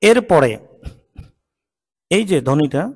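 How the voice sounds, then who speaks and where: A man leads a slow pronunciation lesson and repeats each sound with care. His voice sits fairly high for a man, and he speaks very slowly. The room has a long, hall-like reverb. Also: lively intonation. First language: Bengali. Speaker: English phonetics teacher.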